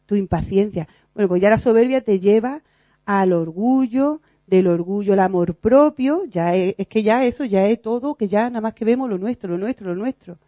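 A woman preaches informally to her fellow believers. Her voice is mellow and warm, and her delivery is earnest and lively. The recording is dry and slightly dull, like a low-fi capture. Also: normal speed, dry recording. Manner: earnest and animated, acts out quoted voices, laughs at herself. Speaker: lay preacher in a prayer meeting. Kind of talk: informal sermon.

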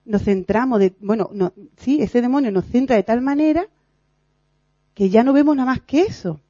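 A woman preaches informally to her fellow believers. Her voice is mellow and warm, and her delivery is earnest and lively. The recording is dry and slightly dull, like a low-fi capture. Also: moderate pace, no echo. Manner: earnest and animated, acts out quoted voices, laughs at herself. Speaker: lay preacher in a prayer meeting. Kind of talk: informal sermon.

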